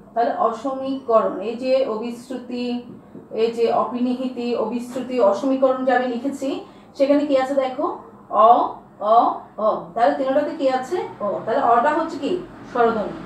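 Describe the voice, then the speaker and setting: A woman with a high voice teaches a grammar lesson, asking her students questions and answering them herself. She repeats key terms slowly. The recording is very echoey, with the voice far from the microphone. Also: a little hiss or hum. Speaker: school teacher.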